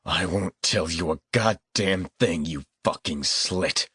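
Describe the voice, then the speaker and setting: A man's voice: deep voice, takes it slowly, sharp tone, breathy edge, dry recording, studio quality, heavily acted. A man reading an audiobook, voicing a wounded, bleeding male pilot who snarls with hate. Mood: snarling.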